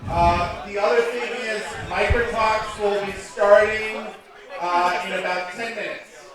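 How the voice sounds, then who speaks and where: Higher-voiced male event announcer. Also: fairly even intonation, slow pace, a crowd in the background. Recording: loud crowded event hall.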